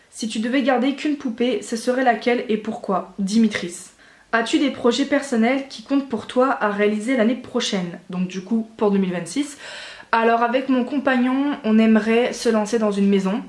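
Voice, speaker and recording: A woman's voice: on the high side, moderate pace, a little mellow. Chatty young woman in an echoey room. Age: 20s. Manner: chatty, hesitant with many fillers. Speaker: doll collector vlogger. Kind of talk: casual Q&A vlog.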